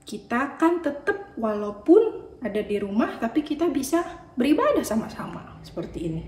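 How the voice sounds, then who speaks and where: A woman's voice: on the high side, big pitch swings, normal speed, a little hiss or hum. Roomy-sounding woman preaching to children. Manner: gentle, coaxing, talks to children. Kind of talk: children's sermon. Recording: roomy echo.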